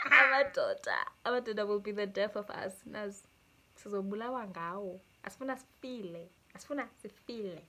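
A woman's voice: medium pitch, fairly quick. A young South African woman with a South African accent, reading viewers' stories aloud and reacting with frequent laughter, mixing English and Xhosa. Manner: animated, laughs often, mixes English and Xhosa. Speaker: YouTuber.

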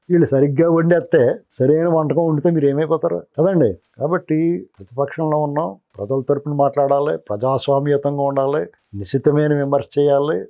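A man speaks quickly in a dark, mellow voice as a political analyst. His commentary is heated and scolding, as though he is talking straight at the politician he criticizes. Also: fairly high pitch, highs cut off. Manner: scolding, addresses the politician directly as you.

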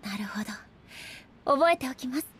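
A woman playing a regal, solemn female shogun and swordswoman in a game, speaking formally and with measured stateliness. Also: high-pitched, lively intonation, slight background noise. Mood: earnest, thoughtful. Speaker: voice actor. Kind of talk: Japanese anime-style game character voice lines.

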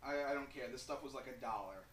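A man's voice: mid-range voice, quick pace, a bit bright, echoey room, recorded from a distance, low-quality recording. A man chatting casually to his viewers in a home vlog, rambling and talking straight to camera. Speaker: YouTuber. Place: room at home.

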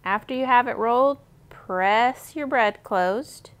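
A woman in her thirties hosts a library cooking program for kids, demonstrating each step with simple, friendly encouragement. Her voice is a little high, slightly bright and clean in tone, and she speaks slowly.

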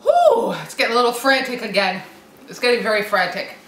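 A middle-aged woman hosting a food challenge video chats casually to camera, struggling to talk as spicy food burns her mouth and throat. She speaks haltingly, clearing her throat and puffing out breaths, in a pushed, bright, medium-pitched voice. She's in a small indoor room with window blinds, and the echoey recording carries faint background noise.

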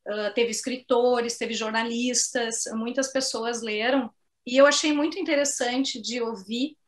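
Middle-aged woman, poet on a webcam call from home, a bit high-pitched, chatty, reads poems slow. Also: fairly bright tone. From southern Brazil. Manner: chatty, sprinkles tag questions, reads poems slowly. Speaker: poet and author. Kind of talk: book launch talk and poetry reading. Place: home office on a video call.

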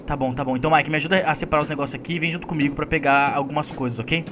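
A man with a Brazilian Portuguese accent, role-playing a flight attendant in a joking, rapid game session, slipping into passenger voices. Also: fairly high pitch, fairly even intonation, crowd noise. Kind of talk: playful game role-play.

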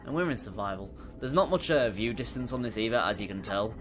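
A man's voice: lowish voice, quick pace. Jumpy young Teesside guy over game music. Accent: Teesside English. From Middlesbrough, England. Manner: nervous, jumpy, swearing, yelps and laughs when startled. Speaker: gaming YouTuber. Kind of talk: VR gameplay commentary. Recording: game music clearly behind the voice.

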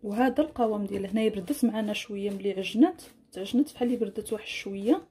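A woman's voice: medium pitch, very fast, dark tone. A woman with a Moroccan accent narrating a casual cooking tutorial as a home cook, explaining and rephrasing each instruction. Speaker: home cook presenting a recipe.

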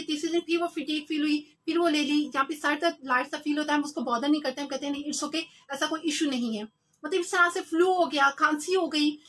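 A woman's voice: high voice, a bit bright, a little hiss or hum. A young Pakistani woman, hosting a live radio show in a small studio, chatting to listeners and mixing in English phrases. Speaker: radio host. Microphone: large studio mic.

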